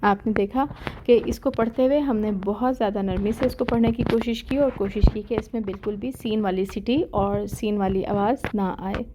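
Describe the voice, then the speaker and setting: A woman teaching Quran letter pronunciation in a patient online lesson, drilling syllables slowly and repeating them. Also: medium pitch, steady tone, background noise. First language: Urdu.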